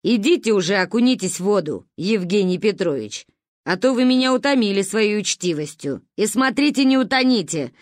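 Acid old grandmother from a storybook, cutting and lively in pitch, voiced by a female reader. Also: a little fast, dry recording, studio quality, lightly acted. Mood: tart. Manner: caustic, cutting. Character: sharp-tongued old grandmother, sarcastic and imperious.

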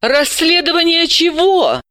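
A woman voicing a sharp, ironic female psychoanalyst in an audiobook, brisk and sarcastic. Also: animated, no echo, clean studio sound, exaggerated voice. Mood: indignant. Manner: sarcastic, brisk and high-pitched. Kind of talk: audiobook character voice.

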